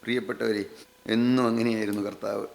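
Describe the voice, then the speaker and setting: A man preaching a sermon, repeating phrases emphatically, slowing down on key lines and putting questions straight to his listeners. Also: fairly low pitch, little pitch movement, gravelly. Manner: repetitive, emphatic phrasing with slowed, drawn-out lines; addresses listeners directly with questions.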